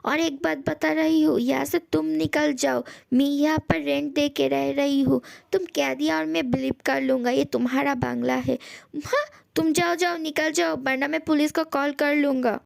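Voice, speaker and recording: A brash, scolding young man newly moved into a house, played by a woman in a fan audio story. The voice is high and gravelly, recorded dry and close. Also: fairly even intonation, moderate pace, no room sound. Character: young man, new tenant, brash and jumpy.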